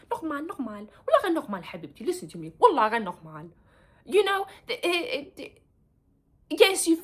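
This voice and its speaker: A woman talks straight to camera in a casual, big-sister advice vlog. Her voice sits a little high. She is emphatic and chatty, calls the viewer honey and darling, and mixes Arabic and French words into her English. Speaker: advice vlogger.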